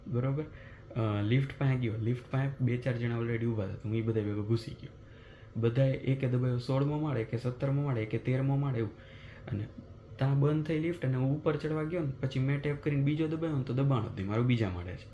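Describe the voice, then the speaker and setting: A man, telling a story as a vlogger in a chatty, animated way, recorded in his apartment at night. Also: mid-range voice, fairly quick, muffled recording, slight background noise. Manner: animated retelling of a mishap, chatty and conversational. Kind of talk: casual vlog storytelling.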